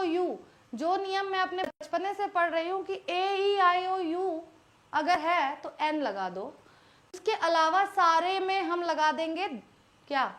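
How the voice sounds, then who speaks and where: A woman with an Indian accent, her voice high and bright, teaches an online English class. She walks through each point step by step and keeps putting questions to her students. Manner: explains step by step, quizzing students with frequent questions.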